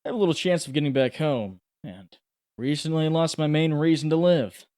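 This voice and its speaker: A man's voice: fairly high pitch, fairly quick, dark tone, natural voice. A man voicing a wisecracking young superhero in a comic book dub, flippant but heroic. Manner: flippant, quippy.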